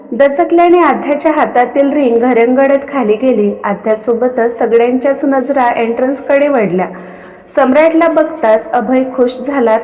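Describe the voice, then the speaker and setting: A woman storyteller giving a steady, dramatic scripted narration of a story. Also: high voice. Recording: long reverb.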